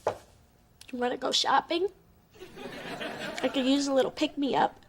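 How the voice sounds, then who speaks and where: An actress playing a young adult daughter in a sitcom, earnest and gently firm. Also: female voice, high voice, unhurried, background noise. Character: young woman asserting her independence from mom. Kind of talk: sitcom acting.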